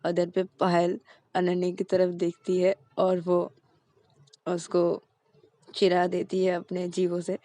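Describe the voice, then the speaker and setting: A woman's voice: on the low side, monotone, a little slow, long pauses, mellow, no room sound. Woman narrating in a plain, dry voice. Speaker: storyteller. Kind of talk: storytelling.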